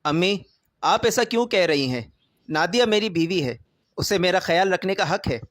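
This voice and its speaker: A man's voice: sits high, lively intonation, a bit bright, no echo, studio quality. A man voicing an earnest devoted young husband. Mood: firm. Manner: earnest, firm.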